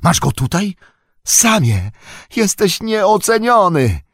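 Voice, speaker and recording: A man's voice: sits low, animated, unhurried, darkish tone, dry recording, clean studio sound. A man voicing a weary young male hobbit who turns despairing and grasping, in a raised, strained voice. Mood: astonished.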